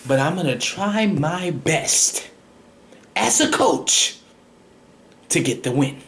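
A young man plays a coach fielding questions in a parody press conference, talking cocky and defensive and rambling off on tangents. His voice sits a bit high for a man and swings widely up and down. It is recorded close on a studio microphone in a small room. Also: animated, slow pace, a bit bright. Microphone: large studio microphone close up.

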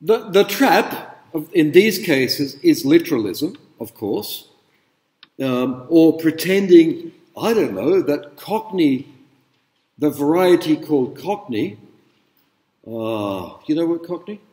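A man's voice: a little high, expressive, slow pace, a little mellow. Man lecturing in an echoey hall. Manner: conversational, rhetorical questions, many fillers. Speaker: university lecturer. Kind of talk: live lecture to students. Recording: echoey hall, speaker away from mic.

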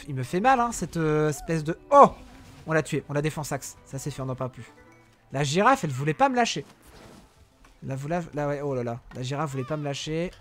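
A young man giving excitable live commentary on a mobile game, talking to his viewers and yelling at opponents. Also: a little high. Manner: excitable, shouts during fights, talks to viewers and enemies. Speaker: gaming YouTuber.

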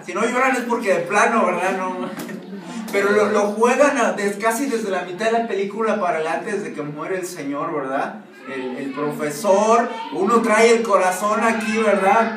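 A male pastor preaching a sermon, often asking his congregation questions. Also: high-pitched. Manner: asks the congregation frequent questions. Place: church hall. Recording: echoey room from far off, noisy.

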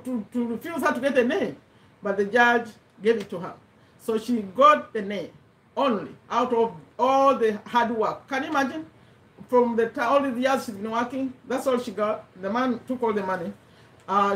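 A middle-aged woman from Uganda, English not her first language, giving an animated motivational talk and repeating her points for emphasis. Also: fairly high pitch, distant mic. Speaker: host of a live business talk. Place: home room with a bookshelf, indoors. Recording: echoey room, voice a little off-mic.

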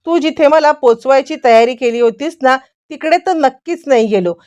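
Angry elder brother, bitter and accusing, pitched up, read by a woman narrator. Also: normal speed, darkish tone, lightly acted.

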